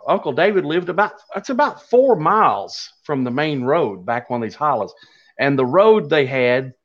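Middle-aged male storyteller, Appalachian Kentucky accent, halting and folksy delivery, muffled low-fidelity recording. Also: a bit bright. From Kentucky, USA. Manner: folksy, halting, unhurried telling. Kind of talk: casual oral storytelling. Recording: dull lo-fi audio.

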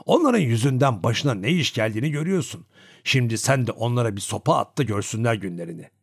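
A man voicing a bitter, spiteful old coachman who shouts in a shrill, raised voice. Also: very animated, fast talker, vocal fry, husky, dry recording, studio quality, exaggerated voice. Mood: scornful.

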